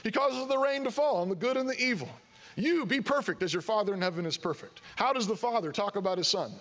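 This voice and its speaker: A man's voice: high-pitched, animated, fast talker, a bit bright. A man preaching a sermon in a conversational way, asking the congregation questions and voicing their objections. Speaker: pastor.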